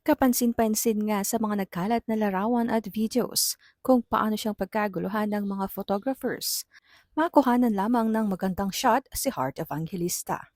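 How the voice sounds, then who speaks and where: A woman's voice: medium pitch, moderate pace, no room sound. Woman narrating celebrity news, dry studio sound. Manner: even, newsreader-like delivery. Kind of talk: scripted voice-over narration.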